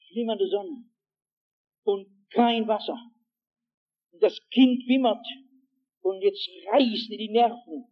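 A man preaching a sermon as dramatic storytelling, repeating phrases for effect, on a dull lo-fi recording. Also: sits high.

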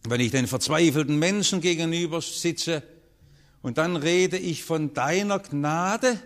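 A man preaching a sermon, earnest, his voice rising and falling strongly as he speaks. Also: unhurried. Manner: earnest, with strong rises and falls in pitch and loudness.

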